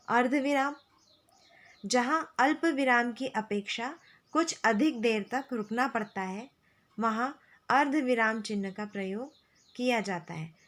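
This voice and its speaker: A woman teacher explaining grammar to schoolchildren, slow and patient, repeating key phrases. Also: fairly high pitch. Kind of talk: classroom lesson explaining grammar.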